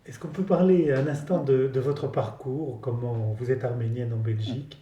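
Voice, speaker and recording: Man, interviewer, measured polite questions, very dark tone, roomy echo, off-mic. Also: medium pitch, fairly even intonation, muffled recording.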